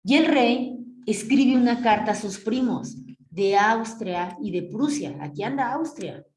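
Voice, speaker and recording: A woman history teacher giving an animated classroom lecture, telling the story like a tale and acting out its figures. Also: fairly high pitch, a little slow. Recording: echoey room with faint noise.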